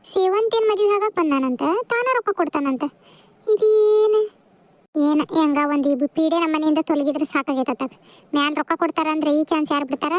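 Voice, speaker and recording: A woman's voice: sits high, a little fast, no room sound, dull audio, natural voice. A woman voicing a scheming cartoon stepmother. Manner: spiteful, scheming. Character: scheming harsh stepmother, middle-aged woman. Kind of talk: cartoon voice acting.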